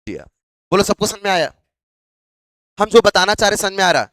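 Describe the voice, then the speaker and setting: High-voiced man drilling a biology class. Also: lively intonation, fairly quick, a bit bright, dry recording. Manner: repeats questions to drill students. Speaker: biology teacher. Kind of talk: classroom lecture.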